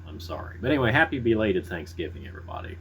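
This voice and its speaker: A middle-aged man chatting casually to viewers in a folksy, unhurried, halting way. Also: on the low side, sing-song, a bit bright, a little hiss or hum. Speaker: pipe-smoking vlogger. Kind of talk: casual rambling chat to viewers.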